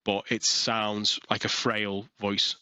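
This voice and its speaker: Guy dming on a headset, lowish voice, keeps restarting his sentences, dry sound. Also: flat delivery, bright, forceful tone, clean tone, dry recording. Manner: halting narration with many fillers and restarts. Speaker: dungeon master. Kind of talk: narrating a tabletop game over voice chat.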